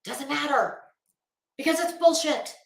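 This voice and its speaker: A woman hosting an online commentary video delivers a blunt, scolding, emphatic rant laced with swearing. Her voice is high-pitched and creaky, at a measured pace, in an echoey room.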